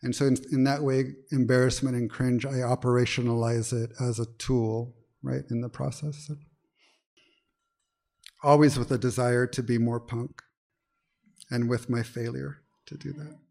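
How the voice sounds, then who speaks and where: A man in conversation, thinking aloud as he goes. His voice sits at an ordinary middle pitch, and he circles back on his phrases while he works toward an idea. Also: flat delivery, normal speed, gravelly, a little mellow. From Peru. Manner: thoughtful, searching, many restarts and fillers. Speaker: poet, interview guest. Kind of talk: reflective conversational talk.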